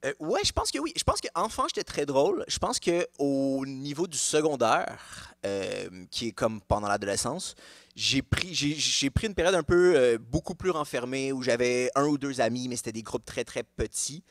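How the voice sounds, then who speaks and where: A man's voice: medium pitch, animated, normal speed, dry recording, clean studio sound. A man in his thirties with a Québécois accent, a comedian guesting on a live podcast, talking casually with many fillers and restarts. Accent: Québécois French. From Quebec, Canada. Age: 30s. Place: live podcast taping before an audience.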